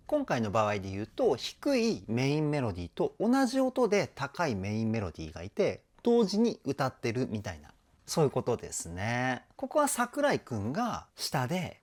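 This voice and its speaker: Excitable male vocal coach, very animated. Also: mid-range voice. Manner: enthusiastic, exclaiming, explanatory. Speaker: vocal trainer. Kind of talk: song reaction and vocal analysis.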